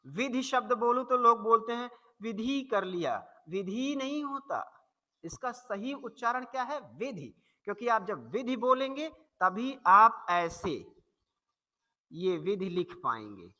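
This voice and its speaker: High bright teacher voice in an echoey hall. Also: male voice. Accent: Hindi-speaking north Indian. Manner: slow, deliberate, repeats example words to model pronunciation. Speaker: Hindi teacher. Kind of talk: explanatory classroom lesson.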